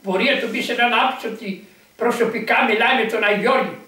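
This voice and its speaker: A man, a monk, telling a miracle tale in a very echoey room, heard from a distance. His voice sits high and bright. He tells it in an animated, rambling way full of quoted dialogue.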